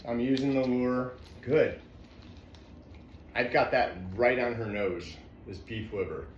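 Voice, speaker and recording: Calm dog trainer explaining in an echoey room. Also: male voice, medium pitch, normal speed, lo-fi sound, a little hiss or hum. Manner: calm, coaxing praise mixed with explanation to viewers. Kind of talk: narrating a training session to camera.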